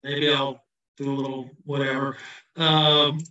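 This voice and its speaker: A man's voice: mid-range voice, flat delivery, measured pace, pushed and bright. Man on a video call with big hall echo. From US Midwest. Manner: informal, loose and self-deprecating. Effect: heavy hall echo on his voice. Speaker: candidate for party office. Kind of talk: campaign speech at an online event. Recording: echoey room, far from the mic, dull.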